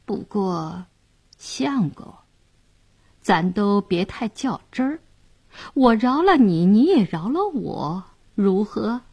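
A woman's voice: on the high side, animated, husky, voice pushed up, full character voice. A woman voicing a drunken, lecherous young male official who drawls and leers in a storytelling performance. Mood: blustering, sly. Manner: slurred, leering, drawn-out.

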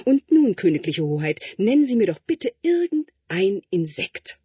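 Man doing a high, fawning royal tutor. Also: slightly rough, no echo, heavily acted. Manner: obsequious, flattering, high and drawn-out.

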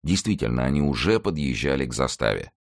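A man narrating an audiobook in an expressive, measured reading. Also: extremely low pitch, no room sound, clean studio sound. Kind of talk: scripted narration.

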